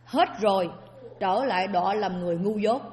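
Her voice medium in pitch and a little mellow, a woman delivers a Buddhist Dharma talk at a moderate pace. She frequently asks her audience rhetorical questions, and a long hall reverb surrounds the recording.

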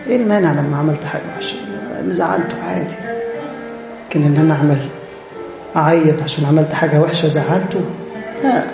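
Quick, earnest Egyptian preacher. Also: male voice, on the high side, roomy sound, music in the background. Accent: Egyptian Arabic. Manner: earnest, direct, repeats phrases for emphasis. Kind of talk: church sermon.

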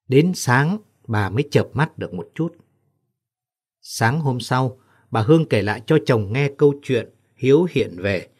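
Male storyteller, audiobook narration, mid-pitched voice, voices the characters lightly. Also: a little mellow. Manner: voices each character with small shifts.

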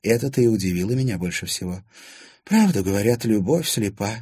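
A man's voice: on the low side, expressive, fairly quick, mellow, husky, dry recording. A man voicing a friendly, frank young woman confiding in her brother.

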